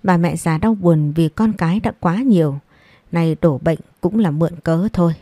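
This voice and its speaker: A woman reading a family story aloud in an even storytelling manner. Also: fairly low pitch, normal speed, no echo. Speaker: story narrator. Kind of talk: scripted narration.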